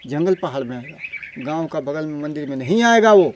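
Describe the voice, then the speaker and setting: An older man, a forest ascetic, giving spiritual talk and then speaking haltingly and with emotion, recorded outdoors in a forest. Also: on the high side, animated, a little hiss or hum.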